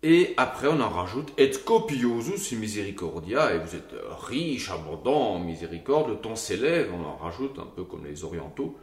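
A man's voice: low-pitched, big pitch swings, normal speed, few pauses, reverberant. A man teaching Gregorian chant to a choir, explaining the melody and now and then singing short examples.

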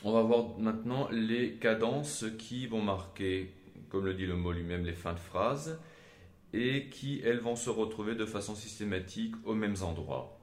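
A man teaching Gregorian chant in a measured, explanatory way, often pausing to hesitate, with short sung examples. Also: fairly low pitch. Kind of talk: spoken lesson with sung examples. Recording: echoey room.

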